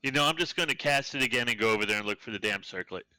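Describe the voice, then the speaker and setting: A man at a tabletop game throws in fast, jokey interjections. His voice is very bright and smooth, and he talks quickly. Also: medium pitch, animated, soft background music, rough recording. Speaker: player. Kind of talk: casual tabletop chat.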